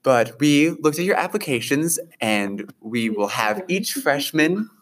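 A man voicing a female vice principal making quick, official announcements. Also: on the high side, big pitch swings, a bit bright, voice pushed up, heavily acted.

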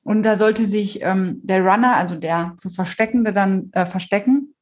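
A woman's voice: medium pitch, normal speed, darkish tone. A woman chatting casually and telling an anecdote, with many fillers and a tag question after her sentences. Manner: chatty, filler-heavy, often adds "ne?". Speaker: co-host, dog trainer. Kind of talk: casual chat.

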